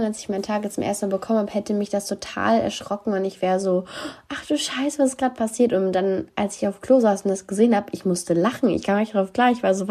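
A woman's voice: mid-range voice, warm tone. A woman hosting a show, chatting casually and candidly to listeners in a slangy way with English phrases mixed in.

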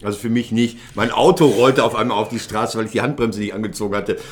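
Man, podcast co-host, casual storytelling, jumps to high voices for the people in his story, laughs a lot. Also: quick pace. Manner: animated, acts out voices in his anecdote with big jumps up in pitch; laughs often.

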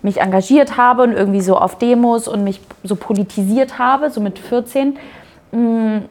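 A woman's voice: on the high side, normal speed, darkish tone. Thoughtful young woman panelist. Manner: casual, thoughtful, with many fillers. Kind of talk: live panel talk.

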